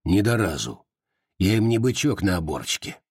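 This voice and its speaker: A man voicing a stolid, stubborn Cossack with a low, gruff manner. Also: sing-song, normal speed, no echo, studio quality, heavily acted.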